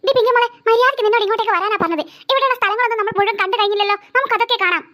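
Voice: very high voice, very fast, bright, forceful tone. A voice actor playing a stern mother in a cartoon who scolds her daughter and refuses to buy anything on a trip. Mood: scolding. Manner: scolding, nagging. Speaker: cartoon character. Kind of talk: cartoon voice acting.

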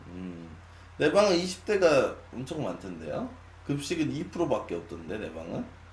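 A man of twenty-nine chatting casually with his stream viewers, musing with long sighs and drifting between loud and quiet. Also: medium pitch, very animated, moderate pace. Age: 20s. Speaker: live streamer. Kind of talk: casual late-night chat with viewers. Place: small room at a desk. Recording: echoey room, faint hum.

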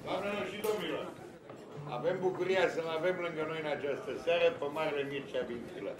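A man playing an event announcer who introduces a guest briskly and ceremoniously. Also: on the high side, reverberant, far from the mic, heavy background noise, lightly acted. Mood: festive. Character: festive male event announcer.

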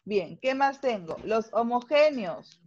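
A woman's voice: a little high, expressive, slow, darkish tone, muffled recording. A woman teacher with a Peruvian Spanish accent, explaining a grammar lesson patiently in an online class and checking understanding with frequent tag questions.

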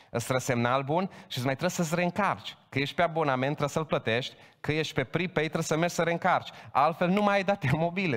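A man preaching a Pentecostal sermon, emphatic and building to loud proclaiming. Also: fairly high pitch. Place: church hall. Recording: long hall reverb.

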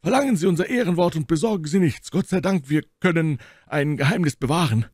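A man's voice: fairly high pitch, expressive, fast, darkish tone, slightly rough, no echo, clean studio sound, pitched above the performer's own voice. A man voicing a proud male musketeer who speaks firmly and formally in a raised voice, in a storybook reading. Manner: bold, firm and formal.

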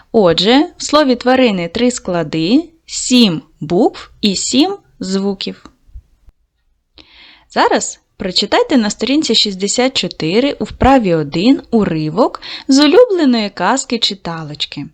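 A woman teaching a video lesson for second graders. Her pitch rises and falls in a lively way as she encourages the children. She speaks slowly and clearly to young pupils. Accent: Ukrainian. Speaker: primary school teacher.

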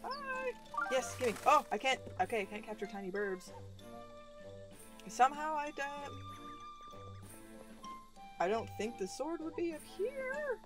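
A woman's voice: high voice, huge pitch swings, unhurried, long pauses. A woman hosting a let's play, chatting playfully while she plays and talks back to the characters. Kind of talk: casual gameplay commentary. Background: game music.

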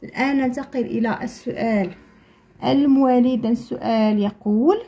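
A young Moroccan woman teaching young children to write letters, slowly stretching out syllables and repeating them for the class to copy. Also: fairly high pitch, steady tone, warm tone, husky. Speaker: primary school teacher. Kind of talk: slow, patient handwriting lesson for young children.

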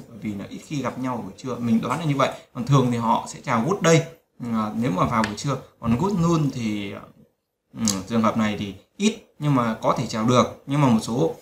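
Male teacher, repetitive drilling, middle pitch, roomy echo, faint background hiss. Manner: repetitive, drills phrases and keeps telling listeners to remember. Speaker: English teacher. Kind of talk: spoken language lesson.

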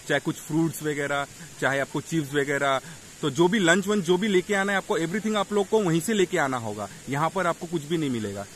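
A man's voice: on the high side, a bit bright. A young man narrating a travel vlog at a rocky waterfall, chatting and showing viewers around, with a phone camera held at arm's length. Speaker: vlogger. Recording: outdoor noise behind.

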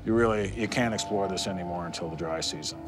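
A man's voice: low voice, fast, music in the background. A middle-aged man, a treasure hunter, talking in a plainspoken, practical way outdoors at a jungle base camp on a lapel mic. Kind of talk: field talk on expedition.

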